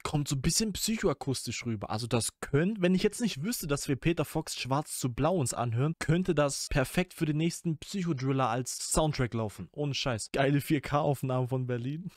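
A man's voice: fairly high pitch, moderate pace, hardly any pauses, no room sound, clean studio sound. Slangy young man reacting to music. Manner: slangy, excited, breaks off mid-sentence. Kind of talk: casual reaction commentary.

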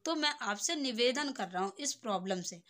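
This tutor, a young adult woman, explains a lesson informally step by step, regularly using tag phrases to make sure the listener understands. Her voice is on the high side, animated and a bit bright, at normal speed.

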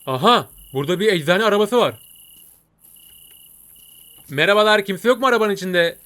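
A man voicing an excitable, jokey male cartoon cat who comments on a game and talks to his viewers. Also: high voice, moderate pace. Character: chatty male cartoon cat gamer, jumpy. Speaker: gameplay commentator. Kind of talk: let's-play commentary.

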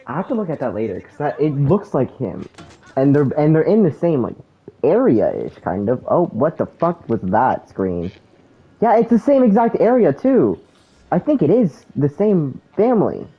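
A man's voice: on the high side, normal speed, slightly rough, highs cut off. A young man hosting casual gameplay commentary, joking and swearing a lot. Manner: profane, joking, excitable. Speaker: gaming channel host.

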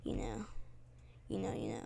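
A woman giving live gameplay commentary as a gaming channel host, excitable and trash-talking, humming to herself while she plays. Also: measured pace, a little hiss or hum.

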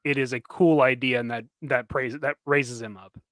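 A man's voice: mid-range voice, steady tone, normal speed, fairly bright tone, no echo, studio quality. A man co-hosting a casual live stream, joking and laughing often. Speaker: co-host, toy customizer. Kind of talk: casual chat.

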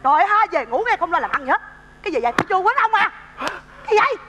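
A man playing a furious, nagging wife in a stage comedy sketch, voice pushed very high. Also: big pitch swings, very fast, highs cut off, over music. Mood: scolding. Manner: screeching and scolding. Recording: stage with crowd and noise.

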